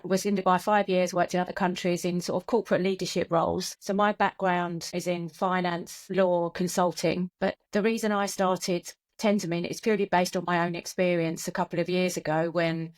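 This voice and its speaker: A woman, a coach, joins a casual interview over a video call. Her voice is lowish and fairly even in pitch, and she speaks in a measured, steady way. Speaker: menopause coach, guest.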